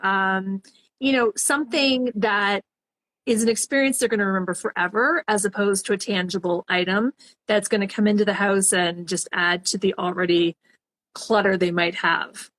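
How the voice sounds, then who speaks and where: A woman professional organizer, a guest on an interview, talking steadily and practically about decluttering. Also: medium pitch. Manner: practical, advice-giving, steady. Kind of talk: casual interview chat.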